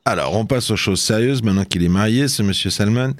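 A man hosting a radio show, brisk and teasing as he introduces his guest. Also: on the low side, no echo, clean studio sound. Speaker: radio host. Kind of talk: radio interview.

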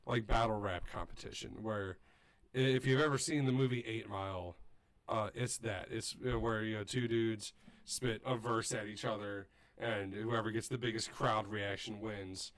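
A man's voice: fairly low pitch, steady tone, moderate pace. A man co-hosting a podcast, explaining music casually in an enthusiastic, rambling way. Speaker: podcast co-host.

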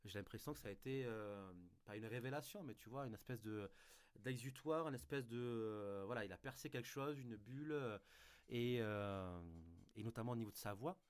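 A man's voice: mid-range voice, moderate pace, clean tone. A man with a Lot-et-Garonne accent, co-hosting a casual music podcast, hesitant with many fillers. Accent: Lot-et-Garonne (southwest France). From Lot-et-Garonne, France. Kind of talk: casual chat.

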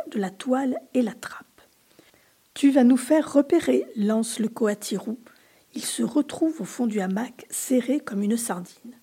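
A woman giving a whispered storybook reading, soft, hushed and expressive. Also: on the high side, slightly rough.

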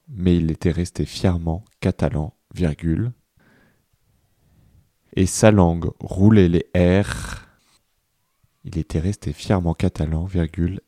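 A man reading a dictation aloud, deliberately repeating each phrase and speaking the punctuation marks. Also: low-pitched, warm tone, dry recording, clean studio sound. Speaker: dictation reader.

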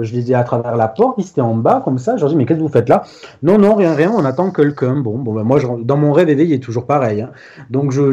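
A man's voice: mid-range voice, mellow, slightly rough. A man telling a personal ghost story in a casual, hesitant way, full of restarts and fillers. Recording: dull lo-fi sound.

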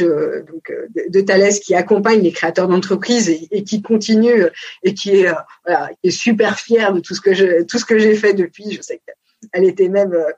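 Forties female founder, husky, thoughtful and halting, interview guest on a dull lo-fi recording. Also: mid-range voice, darkish tone. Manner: thoughtful, hesitant with many fillers. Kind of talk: casual interview conversation. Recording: dull lo-fi sound.

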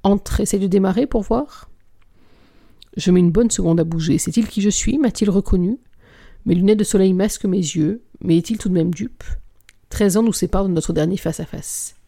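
A reader narrating a novel aloud at a measured pace, sometimes sinking into a whisper. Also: medium pitch, mellow. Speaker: audiobook reader.

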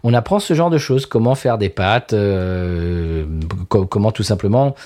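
A man's voice: lowish voice, measured pace, mellow. A man co-hosting a casual chat, talking animatedly and often stammering and restarting his words. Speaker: podcast co-host.

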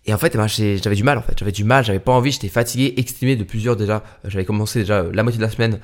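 A young man hosts his student podcast alone late at night, talking casually and sounding tired. His voice is lowish and racing, and he hesitates often, with many fillers and restarts.

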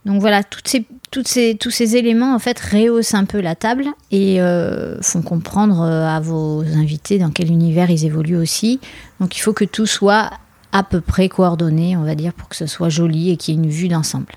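Chatty wedding planner woman, mellow voice. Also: fairly low pitch, fairly even intonation, dry recording. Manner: chatty, many fillers, quick asides. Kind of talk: casual podcast talk.

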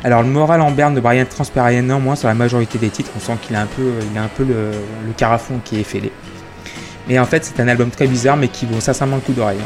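A man hosting a casual music chronicle, talking with frequent fillers and restarts. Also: mid-range voice. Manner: hesitant, many fillers and restarts. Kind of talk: casual spoken music review. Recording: music playing behind the voice.

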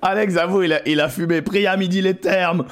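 A man's voice: high-pitched, fairly even intonation, moderate pace. A man co-hosting a casual sports chat, teasing and joking with the others. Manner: teasing, jokey. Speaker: co-host.

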